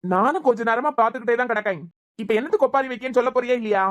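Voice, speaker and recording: Woman as a nagging cartoon husband, quick, higher-pitched, Kanyakumari Tamil accent, scolding. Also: muffled recording, natural voice. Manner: scolding and impatient. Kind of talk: cartoon serial voice acting.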